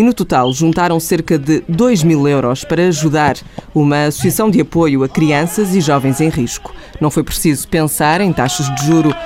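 A woman's voice: low-pitched, darkish tone. A woman with a European Portuguese accent narrating a scripted news report as a radio reporter.

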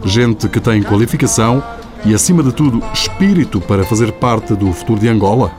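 A man, the reporter, reading scripted report narration in a measured way. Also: lowish voice, expressive, over music.

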